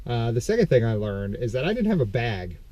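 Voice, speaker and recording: Sitting in his parked car with the camera on the steering wheel, a vlogger rambles casually through his estate sale haul of reseller finds. A dust allergy has left him stuffed up and congested, and he's full of ums and self-corrections. His mid-range voice is brisk and dark-toned, with big pitch swings.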